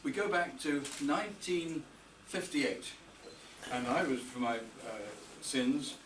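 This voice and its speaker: A man's voice: medium pitch, lively intonation, slow, a bit bright. An older man telling dry, humorous anecdotes in a tribute speech at a birthday reception. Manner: dry humour, storytelling pace. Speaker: speaker giving a birthday tribute. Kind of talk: after-dinner speech with anecdotes. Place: hotel reception room. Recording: roomy, distant, noisy function room.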